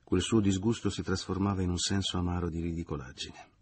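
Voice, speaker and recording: A man narrating a literary novel as an audiobook, in a measured, even reading. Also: low voice, breathy edge.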